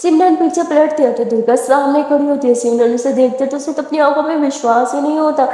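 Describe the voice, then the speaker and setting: A woman storyteller narrating a love story in a lively way, recorded in an echoey room with long reverb. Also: high-pitched. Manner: lively, acts out every character.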